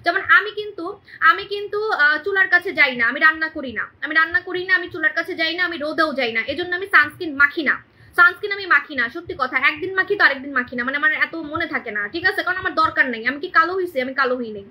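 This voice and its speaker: A young woman hosts a live-stream sales pitch from home on her phone, repeating her points emphatically and checking in with "right?". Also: rapid-fire, pushed and bright. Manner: emphatic and repetitive, keeps asking "right?". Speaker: online shop host selling beauty products. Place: indoors in a room at home. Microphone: phone camera on a live stream.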